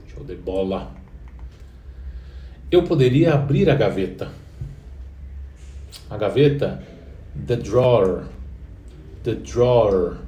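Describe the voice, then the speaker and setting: Slow, patient Brazilian man teaching. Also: lowish voice, mellow, slight background noise. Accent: Brazilian Portuguese. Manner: patient, repeats phrases slowly for the learner. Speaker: English teacher. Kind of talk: online language lesson. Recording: roomy echo, distant from the mic.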